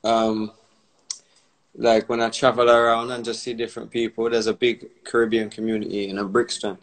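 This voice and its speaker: Low-voiced man chatting on a live stream. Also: moderate pace, poor audio. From Barbados. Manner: relaxed, rambling, many fillers and restarts. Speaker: Instagram live host. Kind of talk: casual live-stream chat. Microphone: phone.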